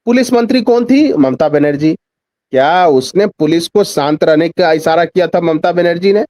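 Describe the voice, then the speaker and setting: A high-voiced man offers political commentary in an interview with a dry recording. He speaks emphatically at a moderate pace with a dark tone, repeating phrases for weight and often driving points home with rhetorical questions.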